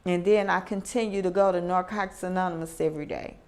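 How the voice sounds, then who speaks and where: A woman's voice: fairly low pitch, fairly even intonation, fast, darkish tone. A woman giving a heartfelt personal testimony as a radio guest, telling her story plainly with fillers.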